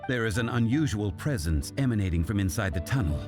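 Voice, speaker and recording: An actor voicing a composed, dignified male scholar of ancient lore in video game dialogue, measured and formal. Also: lowish voice, lively intonation, over music, close to an everyday voice. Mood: grave.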